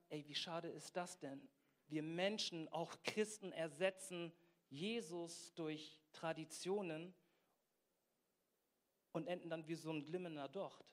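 A man preaching a sermon with passion, swinging between quiet intensity and loud exhortation, often putting questions straight to his listeners. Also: a little high. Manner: asks the audience direct questions.

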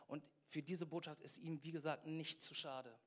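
A man preaching a sermon with passion, swinging between quiet intensity and loud exhortation, often putting questions straight to his listeners. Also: a little high, fairly even intonation, normal speed. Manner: asks the audience direct questions.

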